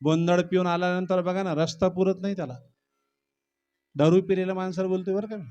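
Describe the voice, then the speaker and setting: A male preacher telling a devotional story in a dramatic way, swinging between low murmurs and loud cries and breaking into song. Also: fairly even intonation, fairly quick. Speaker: kirtan preacher.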